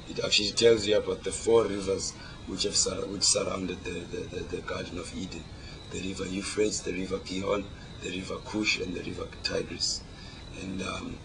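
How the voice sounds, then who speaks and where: Deep-voiced man in Rasta speech. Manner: devout Rasta speech with reverent religious phrases; emphatic, repeats words as he preaches. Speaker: Rastafarian interviewee. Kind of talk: explanatory religious interview talk. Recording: clearly noisy location recording.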